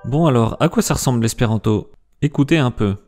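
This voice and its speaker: A man narrating a scripted educational video about a language, lively, and slowing down carefully to spell out pronunciations. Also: mid-range voice, faint music behind.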